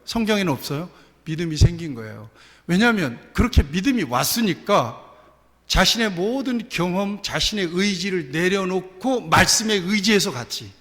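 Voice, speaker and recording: A man's voice: high voice, expressive, normal speed, a bit bright. A man, a church pastor, preaching a sermon in a conversational way, asking the congregation questions and acting out short prayers. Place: church sanctuary. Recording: long hall reverb.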